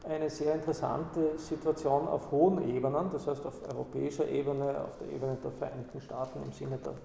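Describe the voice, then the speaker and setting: A man's voice: medium pitch, flat delivery, brisk, vocal fry, mellow, slight background noise. A man speaking discursively about politics and often checking in with "Ja?". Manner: discursive, tags points with "Ja?". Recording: roomy hall with long echo.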